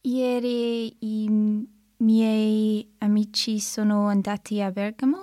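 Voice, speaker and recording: Tentative woman student, slow and mellow. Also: medium pitch, completely flat delivery, no room sound, clean studio sound. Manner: careful, tentative answers. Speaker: language student. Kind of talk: language lesson.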